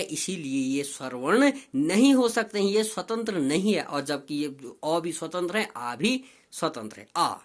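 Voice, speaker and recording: A man's voice: sits high, fairly bright tone. A male teacher explaining grammar step by step, who keeps checking with "ठीक है ना" and draws out vowels as he demonstrates them. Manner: drawn-out, sing-song vowel demonstrations. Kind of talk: grammar lesson.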